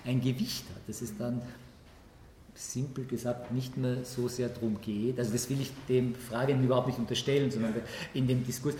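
An Austrian man, a lecturer answering an audience at a public discussion, speaks spontaneously in a mid-range, mellow voice with fairly even intonation. He is halting and self-correcting, often breaking off to rephrase. The indoor event room sounds echoey, with clear background noise.

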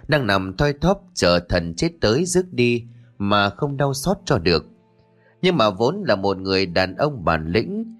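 A man tells a ghost story in a dramatic, scripted narration. His voice is fairly low and rises and falls widely. Soft music plays faintly underneath.

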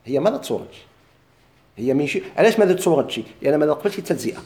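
رجل بلهجة مغربية يلقي درساً في الفرائض، يكرر المصطلحات ويسأل طلابه. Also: male voice, a little high, big pitch swings, very fast, warm tone, echoey room. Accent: Moroccan Arabic. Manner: repeats key terms, quizzes students. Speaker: teacher of Islamic inheritance law. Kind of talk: classroom lecture, questions and answers.

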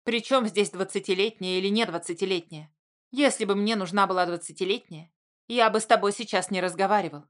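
Gruff defensive man, read by a woman, blunt, argumentative, audiobook dialogue. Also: mid-range voice, fairly quick, close to an everyday voice. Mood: angry. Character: blunt angry adult man, Zhenya.

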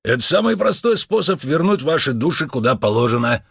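A man voicing an excitable, eccentric male mystic in an audiobook, with a high, theatrical, husky voice. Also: a little fast, dry recording, studio quality, exaggerated voice. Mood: grandiose. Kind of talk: audiobook character voice.

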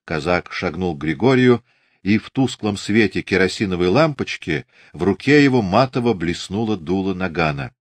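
A man reading a novel as an audiobook narrator, in a measured and expressive way. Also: deep voice, no echo.

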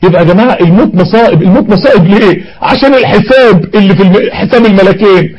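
A man's voice: high-pitched, racing, husky, highs cut off. A man preaching a sermon in an Egyptian Arabic accent, urgent and emotional, firing off rhetorical questions.

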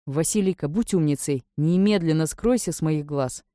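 A woman's voice: low-pitched, fairly quick, warm tone, no echo, studio quality, natural voice. A woman reading the lines of a cold, stern male ruler who speaks curtly and will not yield. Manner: cold, curt, commanding.

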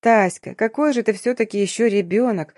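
A woman's voice: medium pitch, a little fast, no echo, studio quality, lightly acted. A woman voicing a young female friend who whispers her news in a scared, teasing, conspiratorial way. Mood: sly teasing. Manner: hushed, whispering, sly.

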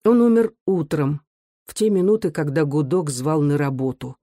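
A narrator reading a classic novel in a steady, even storytelling manner. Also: mid-range voice, moderate pace, dry recording, clean studio sound. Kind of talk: audiobook narration.

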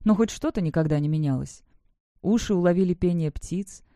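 An expressive audiobook reader narrating a novel in the first person with a dramatic touch. The voice is mellow and unforced, recorded dry and close with no room sound. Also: mid-range voice, fairly quick, no room sound.

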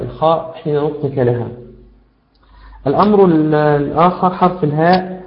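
A man teaching Quran recitation, giving patient, encouraging corrections full of drawn-out hesitations. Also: on the high side. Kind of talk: instructional feedback on recitation. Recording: roomy, dull lo-fi sound.

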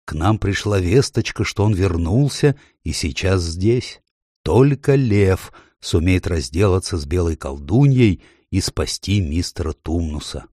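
An earnest, blunt male beaver from a storybook, as a man reads him, in a low, husky voice that swings widely in pitch. He leans hard on the important words, and the recording is dry and close. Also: expressive, measured pace, warm tone, no room sound, full character voice. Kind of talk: audiobook character voice.

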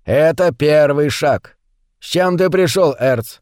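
A man's voice: on the high side, slow pace, a little mellow, dry recording. Male reader doing a cold, aloof ship's captain, dry close sound. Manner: cold and condescending. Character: cool, calculating male ship captain.

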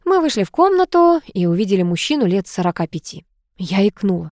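Expressive woman reading an audiobook. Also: mid-range voice, a little fast, no room sound, studio quality. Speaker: audiobook narrator. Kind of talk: first-person audiobook narration.

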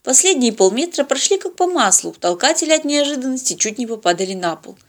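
A woman narrating a science-fiction audiobook in a fairly high voice. She reads with a dry, wry touch, keeping the prose moving steadily. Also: big pitch swings, a little fast.

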